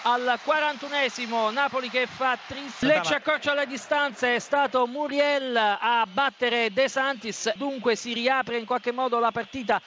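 Male radio football commentator, urgent goal reports, very high pitch, dull lo-fi sound. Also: steady tone, a little slow, hardly any pauses, sharp tone. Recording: dull lo-fi broadcast, stadium noise.

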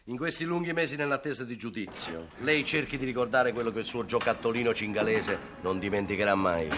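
A sarcastic, overbearing prosecutor, played by a man in a film drama, talking down to a suspect with mock politeness. Music runs under the voice throughout. His pitch sits at an ordinary male middle. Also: a little fast, natural voice. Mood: sneering, bullying. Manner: sneering, bullying, mock-polite on the phone.

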